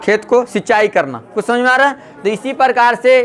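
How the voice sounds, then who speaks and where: A man with a very high, slightly bright voice teaches an English grammar class in Hindi at a brisk pace, drilling students with call-and-response questions. The classroom is noisy with crowd chatter, students chanting answers, and general classroom sound.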